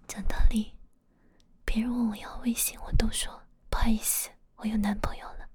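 Softly whispering young woman streamer. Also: on the high side, level tone, moderate pace, slightly rough. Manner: teasing, playful whisper. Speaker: livestream host. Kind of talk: late-night whispered livestream chat.

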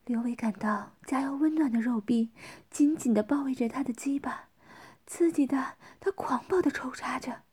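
A woman narrates an adult audio story in a soft, unvoiced whisper. Her delivery is quiet and intimate, steady from line to line. The voice sits high for a woman even under the hush. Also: moderate pace, slightly rough.

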